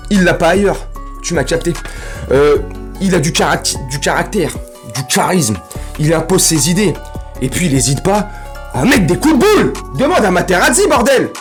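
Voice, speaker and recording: A man hosting a football fan vlog, ranting casually in street slang and breaking into loud outbursts and jokes. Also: fairly high pitch. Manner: animated, slangy, bursts into shouting and laughs. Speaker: football fan channel host.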